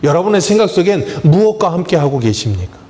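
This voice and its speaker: A middle-aged male pastor preaching with a fairly high voice. He keeps turning to the congregation with questions, rising and falling as he drives each point home. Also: big pitch swings, fairly quick, dark tone. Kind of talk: sermon.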